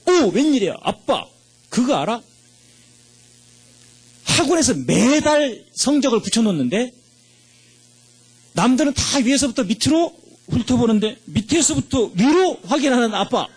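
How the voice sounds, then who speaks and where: A man's voice: very high-pitched, very animated, measured pace, pauses often, breathy edge, voice pushed up, full character voice. A man voicing his carefree teenage son, eager and naively boastful, in a sermon story. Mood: cheerful eager. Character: cheerful carefree teenage boy, the pastor's son.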